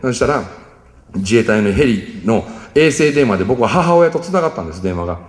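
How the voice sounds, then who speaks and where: A man's voice: medium pitch, lively intonation, a little fast. Kansai man telling a story in an echoing hall. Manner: emotional, acts out the voices in quotes. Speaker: speaker. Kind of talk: storytelling talk. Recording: echoey hall.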